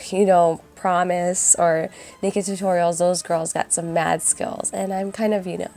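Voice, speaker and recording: A young woman with a raspy, hoarse voice from a cold, chatting casually through a makeup tutorial voice-over. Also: fairly low pitch, little pitch movement, a little slow, a little mellow. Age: young adult. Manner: chatty and upbeat, addresses viewers as guys. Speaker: beauty vlogger. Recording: voice-over with faint music behind.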